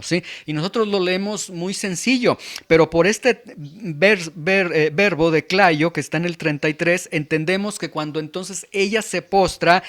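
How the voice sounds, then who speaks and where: A man's voice: a little high, a bit bright. Emphatic man preaching a sermon. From Mexico. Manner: emphatic, repeats words and leans on key terms. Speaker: pastor. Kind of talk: expository sermon.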